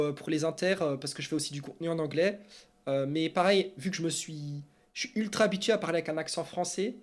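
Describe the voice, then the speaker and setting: A man, streaming esports news and answering viewers in casual, rambling chat full of fillers. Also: fairly high pitch. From Belgium. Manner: chatty and animated, rambling with many fillers.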